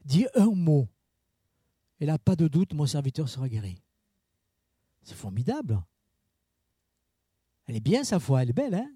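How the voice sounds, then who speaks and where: A man preaching a sermon in a chatty way, full of fillers and asides to the congregation, with big swings in pitch and loudness. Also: sing-song, moderate pace, long pauses, husky, no room sound, clean studio sound.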